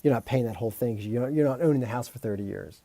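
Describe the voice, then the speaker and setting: A man's voice: mid-range voice, racing, vocal fry, dark tone, dry recording. A man streaming as a composer, chatting casually with viewers in a rambling, joking way, with restarts, fillers and mild swearing. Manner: rambling, talks to chat, frequent restarts and fillers. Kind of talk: casual live-stream chat.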